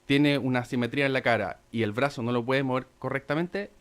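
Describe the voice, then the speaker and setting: Middle-aged male doctor, radio guest, methodical and calm, ordinary-pitched voice. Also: clear, resonant tone. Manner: calm, methodical explainer with filler pauses. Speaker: physician guest. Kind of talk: explanatory radio talk.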